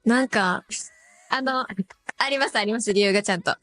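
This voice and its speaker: A woman's voice: mid-range voice, moderate pace, fairly bright tone, soft background music. Young Osaka woman, earnest radio guest. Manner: explains her views earnestly, with hesitant fillers. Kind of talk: casual radio chat. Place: radio studio.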